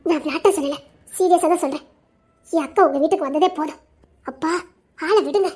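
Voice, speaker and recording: A piping, childlike-high voice that rattles along at a breakneck clip belongs to a feisty young village woman, played by a woman. she teases and jokes and throws out mock threats in this audio love drama, giggly and quick as she goes. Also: animated, a bit bright. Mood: serious. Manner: rapid rural chatter, giggly, mock threats.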